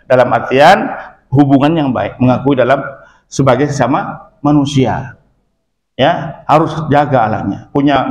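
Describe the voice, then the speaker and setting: A man from Madura with a Madurese accent, teaching a religious lesson in an emphatic manner and often checking in with his listeners. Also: a little high. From Madura, Indonesia. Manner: lively, emphatic, with frequent affirming "ya". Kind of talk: religious lesson explaining a text. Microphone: phone camera.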